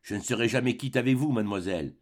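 A man voicing a sad, weary young exiled sculptor who speaks softly and plaintively. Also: medium pitch, quick pace, lightly acted. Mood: melancholy. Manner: melancholy, soft, plaintive.

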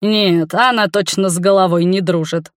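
A woman's voice: on the low side, fairly even intonation, normal speed, no room sound, studio quality, close to an everyday voice. A woman voicing an arrogant, cruel young male fire mage who sneers and threatens, in an audiobook. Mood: sneering.

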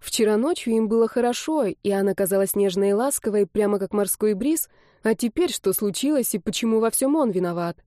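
A woman narrating a story in a scripted, even storytelling delivery. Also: mid-range voice, a little fast, no room sound, studio quality. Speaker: audiobook narrator.

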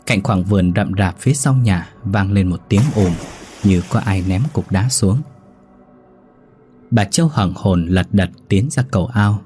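A male storyteller narrating a ghost story in a measured, somber way. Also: lowish voice, warm tone, a little hiss or hum.

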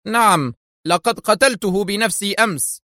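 Brief: high, bright, snarling crime boss and spy, as a male narrator puts him on, menacing and quick to shout. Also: dry recording, clean studio sound. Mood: tense. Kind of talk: audiobook character voice.

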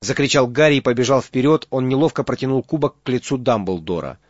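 A man reading an audiobook as narrator, in steady dramatic storytelling. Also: mid-range voice, fairly quick, dry recording, lo-fi sound. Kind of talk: scripted narration.

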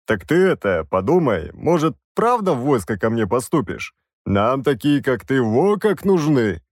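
Man doing a blunt old army commander, loud and rough, swings around a lot. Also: medium pitch, very animated, measured pace, dry recording, studio quality. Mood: awkward. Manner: blunt, rough soldier talk. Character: gruff bass-voiced military commander, blunt old soldier.

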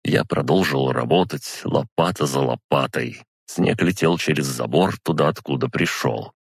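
A man narrating a first-person audiobook in a measured, dry storytelling manner. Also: rumbling low, vocal fry, slightly rough, no echo.

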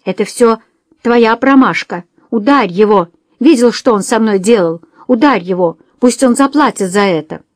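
A woman voicing a hot-tempered young waitress who shouts and threatens in a shrill, raised voice. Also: normal speed, dry recording, clean studio sound, natural voice. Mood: furious.

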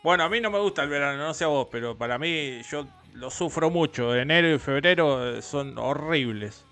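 A man's voice: a little high, animated, brisk, pushed and bright. A man in his forties with an Argentine accent, hosting a casual radio interview in a chatty, rambling, opinionated way. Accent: Argentine Rioplatense. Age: 40s. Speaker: radio host.

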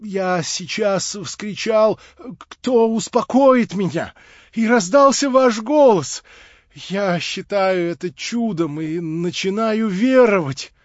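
An aging, sentimental gentleman, played by a male reader, fretful and easily moved, in a storybook reading. He speaks in a trembling, plaintive way. The recording is dry and a little dull. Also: high voice, slow pace, no room sound, voice pushed up. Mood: tremulous.

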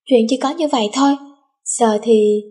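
A woman voicing a cheeky teenage boy who rambles through a pointless joke, with a breathy voice. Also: on the high side, moderate pace, mellow. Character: cheeky teen boy joker.

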